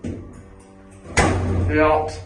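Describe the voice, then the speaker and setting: A man giving casual on-location commentary in short, observational remarks as a video host. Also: drawn-out words. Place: inside lifts and shops. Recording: echoey, distant camera mic, music behind.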